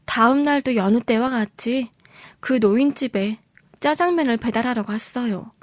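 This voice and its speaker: A woman's voice: on the high side, no echo. A woman narrating a first-person story for a story-radio show as a scripted, dramatic reading.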